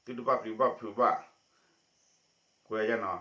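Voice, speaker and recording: A man delivers a news report in a bright, forceful voice with a steady pace. The sound is muffled and lo-fi, and it carries a noticeable room echo. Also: fairly low pitch, moderate pace. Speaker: news presenter. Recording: echoey dull lo-fi recording.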